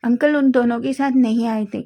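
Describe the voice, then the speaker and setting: A woman's voice: fairly high pitch, steady tone, normal speed, mellow. A woman reading a romance fan fiction story aloud in plain storytelling style, now and then correcting herself.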